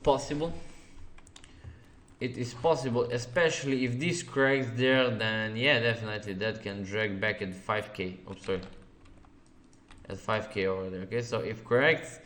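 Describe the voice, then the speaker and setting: Guy doing a trading webinar, lowish voice, says okay a lot, laid back q&a. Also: steady tone, moderate pace, a bit bright. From Slovenia. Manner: repeats "okay" often, plain non-native phrasing, laughs easily. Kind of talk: live webinar answering viewer questions over charts.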